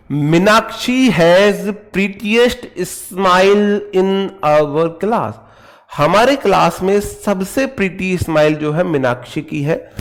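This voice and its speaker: A young man with a North Indian Hindi accent teaches an online grammar class. His voice sits a little high and he speaks slowly and unhurriedly, drawing out example words. He teases and mock-scolds his students as he goes. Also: vocal fry. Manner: teasing, jokey, scolds students playfully, drills words slowly.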